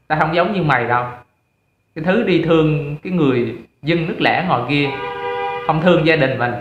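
A man's voice: on the high side, fairly bright tone, slight background noise, natural voice. Man playing a contemptuous young man, harsh scolding, dull roomy recording.

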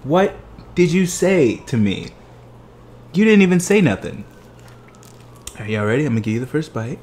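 Excited man tasting desserts on camera. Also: on the high side, normal speed. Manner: exuberant, chatty, savoring each bite. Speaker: food vlogger. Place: living room at home.

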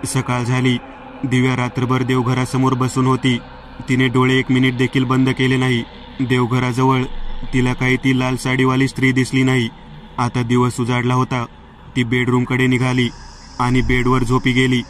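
A man reading a horror story aloud as a storyteller, voicing every part in one even tone. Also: mid-range voice, normal speed, a little hiss or hum. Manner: flat, even reading of all parts. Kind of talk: scripted horror story narration. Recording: distant mic with faint music.

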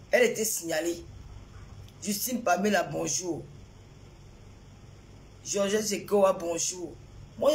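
A woman from Cameroon, talking on a phone live stream to her followers, greeting viewers by name and firing off indignant rhetorical questions. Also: mid-range voice. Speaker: social media personality.

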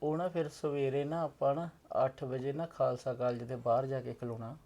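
A man's voice: medium pitch, little pitch movement, moderate pace, dark tone, dull audio, lightly acted. A young actor playing a lovestruck son in a family web drama, coaxing and pleading stubbornly with his mother. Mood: evasive.

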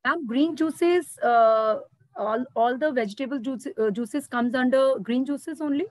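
A woman's voice: high-pitched, measured pace. A woman with an Indian accent politely asking questions as a participant on a video call. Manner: polite, deferential.

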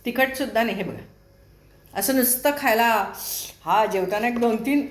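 Middle-aged woman vlogger, higher voice, chatty and teasing, home-kitchen cooking talk. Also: moderate pace. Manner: chatty, teasing her viewers. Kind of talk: casual chat while cooking. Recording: echoey kitchen with dish clatter.

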